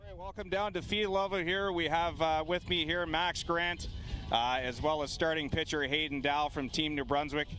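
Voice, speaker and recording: A man's voice: a little high, fairly even intonation, normal speed, pushed and bright, poor audio. A man working as a field-level sports reporter, doing a live post-game interview outdoors.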